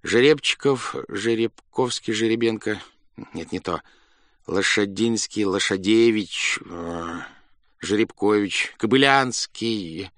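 A man's voice: on the low side, animated, slow pace, no room sound, heavily acted. A man voicing a flustered, forgetful estate clerk who mutters names aloud in a storybook reading. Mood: muttering.

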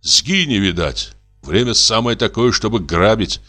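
A man voicing a bold, impatient male hunter in an audiobook, gruff and commanding. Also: fairly low pitch, animated, unhurried, pushed and bright, soft background music. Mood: tense. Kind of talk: audiobook reading.

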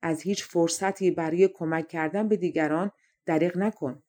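Woman voicing a calm, wise old talking horse. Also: fairly low pitch, close to an everyday voice. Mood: reassuring. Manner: calm, reassuring advice.

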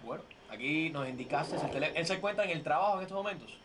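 A man's voice: fairly high pitch, animated, fast talker. A man hosting a casual radio prank show, chatting informally. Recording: very noisy, distant phone-in radio audio.

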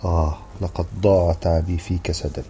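Man doing grumpy fussy french guy, scolding, deep dark voice. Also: flat delivery, normal speed, slight background noise, natural voice. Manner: scolding, dismissive. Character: fussy exasperated Frenchman, friend and husband.

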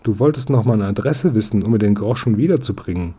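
A man voicing a good-humoured newspaper journalist in a storybook reading, with a husky voice. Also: fairly low pitch, expressive, fast, dark tone. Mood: jovial.

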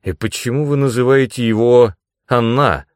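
A man's voice: lowish voice, big pitch swings, moderate pace, dry recording, studio quality. A man voicing a nervous, suspicious young male guide in an audiobook, hesitant and stammering. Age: young adult.

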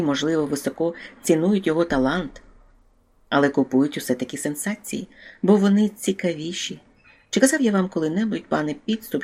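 An audiobook reader voicing a commanding male nobleman who lectures the room in a measured, faintly sardonic way. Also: medium pitch, lightly acted. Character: dry, commanding male nobleman presiding over a meeting. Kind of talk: audiobook character voice.

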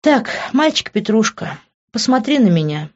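A woman's voice: medium pitch, lively intonation, moderate pace, darkish tone, lo-fi sound, voice pushed up. A woman voicing a blunt, sarcastic young woman who bosses and mocks her friend. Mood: mocking. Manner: mocking, bossy.

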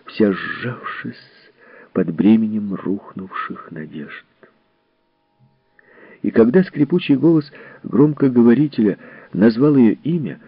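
A man reading a story aloud as audiobook narrator, in a measured, expressive way. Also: mid-range voice, husky, no room sound. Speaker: audiobook reader. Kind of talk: scripted narration. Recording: dull, dry audiobook recording.

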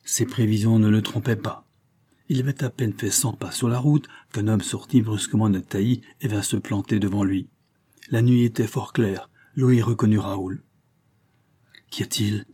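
A man narrating a classic novel as an audiobook in a steady, measured way. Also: lowish voice, husky.

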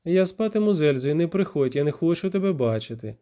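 A man's voice: lively intonation, normal speed, mellow, close to an everyday voice. A man reading an audiobook, voicing an angry, defensive young woman who snaps and accuses. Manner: shrill, accusing, snapping.

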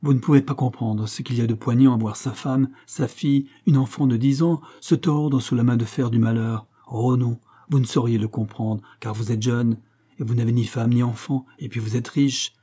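A man's voice: medium pitch, steady tone, moderate pace, warm tone, breathy edge, natural voice. A man voicing a starving young workman who pleads in breathless outbursts. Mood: pleading. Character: starving young male worker, desperate and proud.

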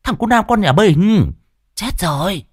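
A man voicing a loud, shrill village woman in a storytelling reading, shrieking frantic news. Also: animated, a little slow, husky, dry recording, studio quality, full character voice.

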